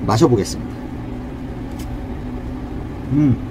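A man's voice: medium pitch, slow pace, noisy background. A man demonstrating a cafe drink recipe at a counter, explaining each step in a friendly, polite way. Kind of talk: casual cooking demonstration.

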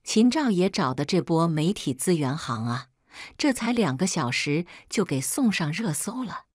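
Woman narrator, cheeky first-person storytelling, animated pitch, dry close sound. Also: normal speed, slightly rough, dry recording.

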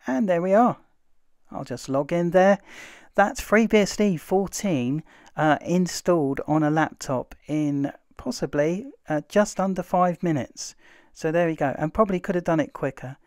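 A man, casually talking through a computer tutorial as host, relaxed and filled with "uh" pauses. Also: a little high, clean tone, dry recording, studio quality. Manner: relaxed, chatty, many "uh" fillers. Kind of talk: casual screen-recorded tutorial narration.

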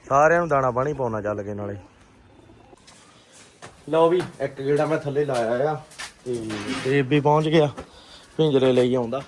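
A man with a fairly high voice narrates a casual vlog as a pigeon keeper. He talks in an animated way and often repeats short phrases for emphasis. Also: a little hiss or hum. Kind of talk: casual outdoor vlog commentary.

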